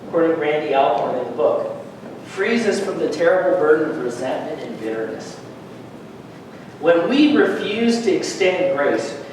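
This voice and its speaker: A man preaching a sermon as pastor, animated, with rhetorical questions and emphatic peaks. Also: high-pitched, a little hiss or hum. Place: church hall. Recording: echoey church hall, far from mic.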